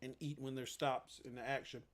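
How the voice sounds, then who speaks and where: A man giving casual live reaction commentary on a football game, chatty and eating between plays, with sudden excited outbursts. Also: medium pitch, a little fast.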